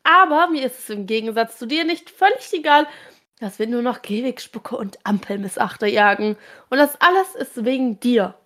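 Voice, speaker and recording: A woman's voice: a little high, expressive, moderate pace, a bit bright. A woman reading the part of a defensive, reproachful female colleague. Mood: resentful. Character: resentful female detective colleague.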